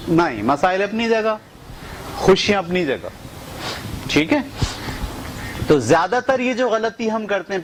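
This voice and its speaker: A man's voice: high voice, noisy background. A middle-aged man teaching a motivational training session, asking rhetorical questions and acting out the voices he quotes. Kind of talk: motivational lecture.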